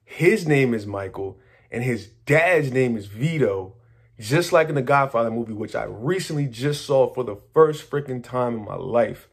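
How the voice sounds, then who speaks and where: Man, mid-pitched, excitable casual storyteller; rambling, slangy, restarts often. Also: normal speed, husky. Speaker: manifestation coach.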